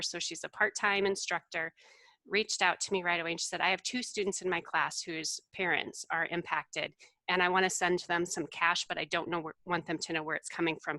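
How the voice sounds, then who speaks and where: Woman, video-call guest, matter-of-fact, bright tone, low pitch. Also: dry recording, poor audio. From Iowa, United States. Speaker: community college staff, panel guest. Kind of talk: casual storytelling on a video call.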